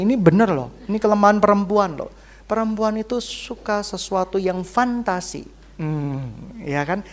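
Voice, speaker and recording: Dramatic woman preaching. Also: medium pitch. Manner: dramatic, swings from loud exclamations to hushed near-whispers. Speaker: pastor. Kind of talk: church sermon.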